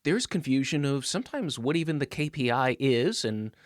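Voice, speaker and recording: A man's voice: mid-range voice, big pitch swings, moderate pace, no room sound, studio quality. A man hosting a podcast, chatty and enthusiastic, laughing easily and using many fillers. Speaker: podcast host. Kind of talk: casual conversation.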